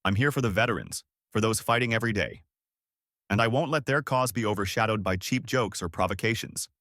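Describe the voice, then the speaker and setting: A man voicing a dignified young man who answers back in a low, firm, cutting tone. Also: expressive, a little fast, a bit bright, no echo, studio quality. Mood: resolute.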